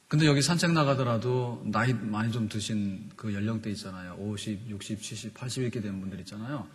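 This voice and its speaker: A man giving a conversational sermon as pastor, asking his listeners questions and answering them himself. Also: medium pitch. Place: church sanctuary. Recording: long reverb of a church hall.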